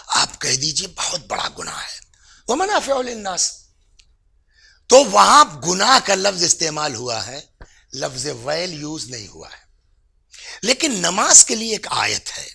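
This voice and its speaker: Raspy, gravelly man preaching with intense swings. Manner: swings between loud, high exclamations and hushed, whispered quotes; asks the audience questions. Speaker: religious scholar giving a mourning sermon. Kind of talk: mourning-assembly sermon.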